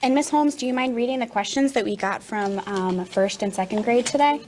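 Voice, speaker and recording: A woman's voice: fairly high pitch, fairly quick, a little mellow, slight background noise. A woman teacher speaking conversationally to children in a school announcement.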